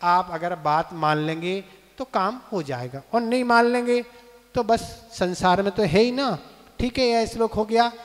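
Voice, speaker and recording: Slow high-voiced monk in a reverberant temple hall. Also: male voice. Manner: slow, deliberate, breaks verse into syllables for listeners to repeat; asks the audience questions. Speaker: Jain monk teaching scripture. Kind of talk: scripture lesson, call-and-repeat recitation.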